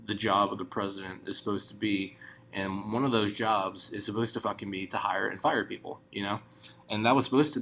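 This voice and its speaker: Vlogger, male, low gravelly voice, loose profane off-the-cuff commentary. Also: a bit bright, a little hiss or hum. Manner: profane, rambling, many restarts. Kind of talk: casual ranting commentary.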